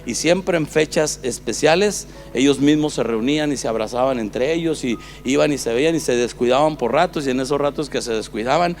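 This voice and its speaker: A man's voice: medium pitch, fairly quick, few pauses, faint music behind. A man with a Mexican accent, a pastor telling his life story as a preached testimony, acting out the dialogue.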